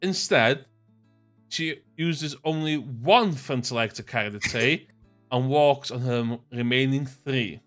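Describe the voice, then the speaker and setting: A man's voice: mid-range voice, takes it slowly, fairly bright tone, faint music behind. A man with a North Wales accent reading a visual novel aloud, mixing in casual, jokey banter. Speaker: gaming video host.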